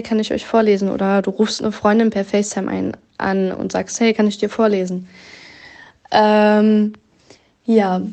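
Mellow woman judge full of fillers. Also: a little high. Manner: frequent ähm fillers. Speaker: jury member. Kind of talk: giving feedback.

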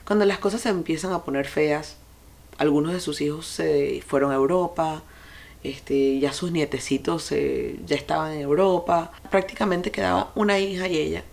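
Low gravelly Venezuelan woman podcasting. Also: normal speed, a little mellow. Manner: storytelling, speaks straight to listeners with advice. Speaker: podcast host. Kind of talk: reflective solo podcast monologue.

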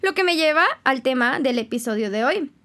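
A young Mexican woman hosting a casual solo podcast, talking in a loud, expressive way and laughing often. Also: sits high, brisk. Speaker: podcast host.

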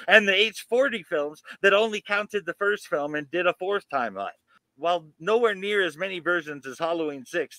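A man's voice: high-pitched, sharp tone, no room sound, poor audio. A man co-hosting a horror podcast, eagerly running through lists of names, dates and production facts in a casual way. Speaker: podcast co-host. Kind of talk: casual chat reading background facts.

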